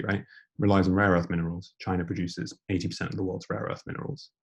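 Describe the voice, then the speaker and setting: A young adult man gives an informal online lecture on debating in a hushed, breathy near-whisper, speaking as quietly as he can as if losing his voice. His voice sits low.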